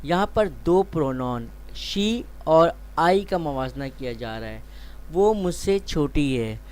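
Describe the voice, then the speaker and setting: A man giving a grammar lecture, explaining step by step and drawing out his example words slowly. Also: a little high, expressive, a little mellow. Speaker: teacher.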